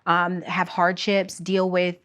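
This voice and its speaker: Low-voiced woman telling her story. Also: monotone, slow, fairly bright tone. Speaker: podcast guest. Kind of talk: casual interview talk.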